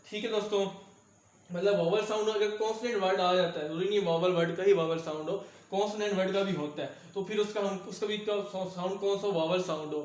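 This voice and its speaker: A man teaching English grammar in Hindustani, slipping in English terms and checking with his students again and again. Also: high voice. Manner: repetitive, checks understanding with "ठीक है दोस्तों". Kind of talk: classroom lecture. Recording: echoey room.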